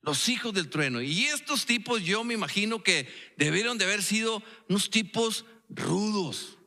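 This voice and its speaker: A man's voice: high voice, animated, moderate pace, bright, forceful tone. A man with a Mexican accent preaching a sermon in a church, playful and full of storytelling and jokey asides. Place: church sanctuary. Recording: echoey church hall.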